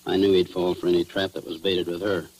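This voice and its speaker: The actor's low voice moves little in pitch and runs fast, a little mellow and natural, as he plays a cynical, slang-talking crooked cop in a 1940s radio drama. He ruefully confesses to murder over a noisy, humming old radio recording.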